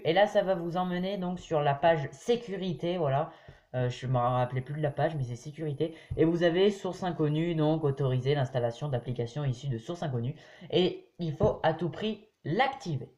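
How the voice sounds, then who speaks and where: This is a man recording a laid-back video tutorial as a voice-over on his tablet. His tone is mellow and unforced, and he rambles with fillers and restarts, speaking to viewers as friends. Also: on the high side, animated, moderate pace. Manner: chatty, hesitant, many fillers, addresses viewers as friends. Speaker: YouTube tutorial host. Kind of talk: casual screen-recording tutorial.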